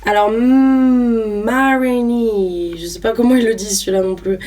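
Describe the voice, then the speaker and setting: This young YouTuber opens trading cards and reads their names out in a hesitant, filler-filled, casual chat. Her slightly high, darkish voice stays fairly even in intonation and unhurried, recorded a bit far from the mic with faint noise.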